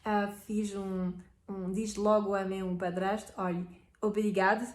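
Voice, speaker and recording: A woman's voice: medium pitch, little pitch movement, slow pace, darkish tone. A woman giving casual relationship advice, hesitant and often searching for words. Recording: echoey room.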